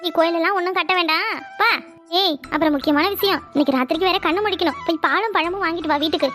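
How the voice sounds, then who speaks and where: A woman voicing a sharp-tongued young village wife in a cartoon, scolding her husband with sarcastic retorts. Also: very high-pitched, rapid-fire, soft background music. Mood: teasing. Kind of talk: cartoon voice acting.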